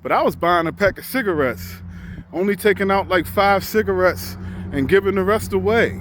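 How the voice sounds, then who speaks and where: Out on a walk, a forties-aged truck driver vlogs casually, reflecting openly and frequently starting his sentences over while thinking aloud. He speaks at normal speed in a high-pitched, animated voice, and background noise can be heard.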